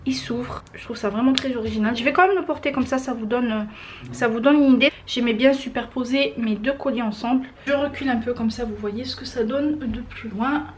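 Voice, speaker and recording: A young woman talks to camera from her living room in a relaxed, chatty vlog. Her voice sits a little high, and she keeps stopping on hesitant fillers as she speaks straight to her viewers. A faint hum of room ambience stays behind her. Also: a little fast. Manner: chatty, many "euh" fillers, addresses viewers as girls. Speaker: lifestyle vlogger.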